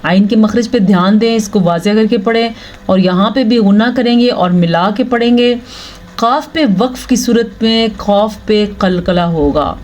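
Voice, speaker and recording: A woman teaching Quran recitation rules step by step. She explains each rule patiently, checks in often, then chants the Arabic words slowly. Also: mid-range voice, a little mellow. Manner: checks in with "thik hai" often. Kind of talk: slow, step-by-step tajweed lesson.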